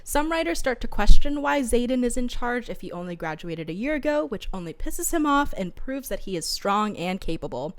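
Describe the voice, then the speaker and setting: A woman's voice: a little high, sing-song, brisk, few pauses. A young woman co-hosting a casual book podcast, chatting in a bubbly, giggly sorority-girl manner. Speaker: podcast co-host.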